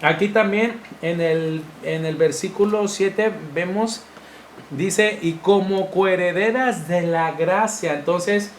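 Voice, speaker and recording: A man with a Mexican Spanish accent teaching a Bible lesson to men, animated and acting out the voices of wives and husbands. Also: high voice, slow. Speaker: church teacher. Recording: echoey room with faint noise.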